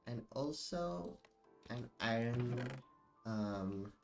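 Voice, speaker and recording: Over faint game music, a streamer speaks slowly into a desk microphone, his voice lively in intonation but sniffly from allergies. His casual live-stream chat while playing wanders and rambles, full of "like"s and mid-thought self-corrections.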